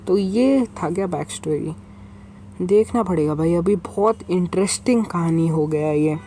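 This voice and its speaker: A man hosting a gaming channel, giving chatty, excitable commentary as he plays and keeps calling out to the viewers as guys and bro. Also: high voice, measured pace, a little hiss or hum. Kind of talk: casual let's-play commentary. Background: game music.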